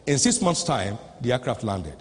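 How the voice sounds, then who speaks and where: A man preaching a sermon at a convention, emphatic and repeating lines as he rises to shouts. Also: mid-range voice, very animated, moderate pace. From Nigeria. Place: large convention hall. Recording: reverberant live hall recording.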